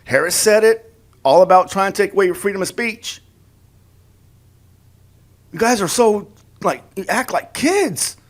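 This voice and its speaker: This man's high voice has lively intonation, runs a little slow, and leaves long pauses. He's a political vlogger on a sarcastic, heated rant, imitating his opponents mockingly while often stumbling, repeating words, and starting over.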